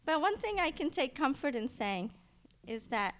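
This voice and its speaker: A middle-aged woman speaks at a funeral, telling stories about her mother. Her delivery rambles, with fillers and false starts, and she grows loud and lively when a story lands. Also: high-pitched, normal speed. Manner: grows loud and animated at the punchlines. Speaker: daughter giving a eulogy. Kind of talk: funeral eulogy, personal anecdotes. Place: funeral service.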